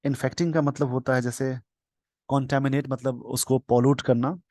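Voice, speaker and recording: A man's voice: mid-range voice, fairly even intonation, darkish tone, no echo. Man explaining English vocabulary. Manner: reads English slowly word by word, then explains quickly. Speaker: teacher. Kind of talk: explaining an English newspaper editorial.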